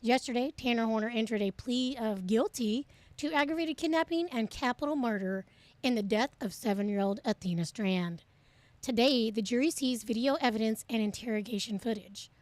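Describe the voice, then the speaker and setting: A woman's voice: a little high, moderate pace, a little mellow, no echo. A woman hosting an online trial channel, giving a scripted introduction to the broadcast.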